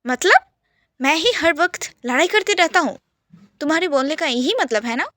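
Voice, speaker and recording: A woman voicing a teasing, protective young brother who scolds loudly in mock outrage, in a storybook reading. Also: high-pitched, expressive, normal speed, no room sound, studio quality. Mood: teasing, mock-indignant.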